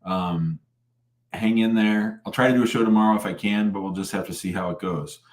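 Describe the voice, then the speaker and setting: A man with a fairly deep voice hosts a casual live show. He talks bluntly and informally, restarting phrases as he goes, and the sound is noticeably echoey. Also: fairly quick. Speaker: live show host and lawyer. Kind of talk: casual live call-in chat. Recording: roomy, echoing sound.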